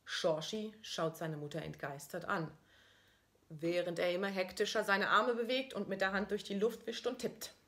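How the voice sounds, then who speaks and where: A woman's voice: mid-range voice, fairly even intonation, moderate pace, a bit bright. A woman reading her own first-person diary-style story aloud in a dry, ironic manner.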